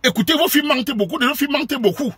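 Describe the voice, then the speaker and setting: Man, Cameroonian French accent, fast delivery, bright tense voice, preachy scolding monologue. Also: very high voice, lively intonation, no echo. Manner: preachy, emphatic, scolding, bursts into shouting. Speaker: online commentator. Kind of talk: lecturing monologue to viewers.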